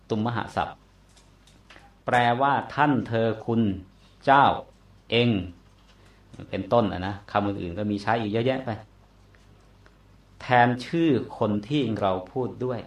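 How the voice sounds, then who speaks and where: Male Pali teacher, lower voice, patient lecture style, roomy echo. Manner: explains slowly, repeats terms to drill pronunciation. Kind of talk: classroom lecture. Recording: echoey room.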